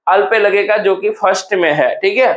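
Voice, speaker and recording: A man's voice: high voice, moderate pace, muffled recording. A man teaching an exam-prep lesson, explaining step by step and asking the class repeated questions.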